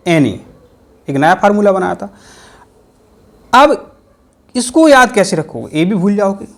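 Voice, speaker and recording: A man's voice: sits high, very animated, unhurried, a bit bright. A man teaching a physics exam-prep lesson, playful and full of repeated mnemonics. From India.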